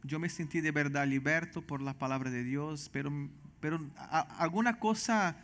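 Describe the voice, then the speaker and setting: Earnest and often halting before restarting, a Venezuelan man with a Brazilian Portuguese accent recounts his personal testimony as a missionary guest during a church interview. His voice is on the high side with a fairly bright tone.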